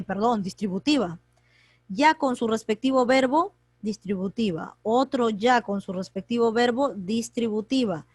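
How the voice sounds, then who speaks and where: A woman teaching an online grammar class, talking quickly and chattily as she quizzes students by name. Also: fairly high pitch, dry recording. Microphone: computer mic on a video call.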